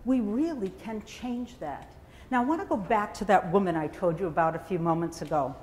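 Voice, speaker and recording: Brief: woman motivational speaker, mid-pitched, lively storytelling to a crowd, reverberant hall. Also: a little fast. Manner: animated storyteller, calls on audience members by name. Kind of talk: motivational talk to a live audience. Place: hall with a live audience. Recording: echoey hall.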